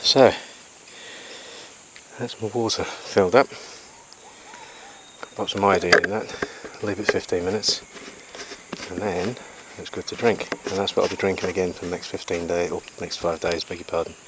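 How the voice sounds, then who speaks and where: A man's voice: sits low, fairly even intonation, normal speed. A man recording a casual survival diary outdoors in the jungle, explaining things to camera in an unscripted, methodical, matter-of-fact way. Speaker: survival diarist presenting to camera. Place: outdoors in jungle beside a river. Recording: faint insect noise, outdoor jungle ambience. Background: jungle ambience with crickets and insects.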